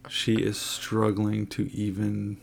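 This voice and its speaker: A man's voice: on the low side, monotone, slow pace, gravelly, a little hiss or hum. A man, co-hosting a casual podcast and joking around teasingly. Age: 40s. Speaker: podcast co-host.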